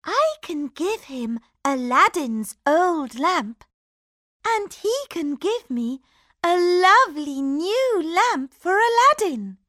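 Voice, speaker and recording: A woman voicing a sweet, trusting young princess in a storybook read-aloud, pitching her voice high and eager. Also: very animated, slow, fairly bright tone, no room sound, studio quality, heavily acted.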